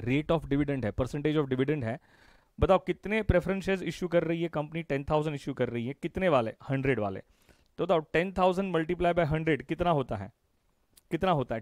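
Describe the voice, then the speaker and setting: Teasing Indian teacher, dry and high-ish. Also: male voice, no echo. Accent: Indian English. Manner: teasing, calls students by name and answers own questions; repeats key phrases in call-and-response drills. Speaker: commerce teacher. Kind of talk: live online revision lecture.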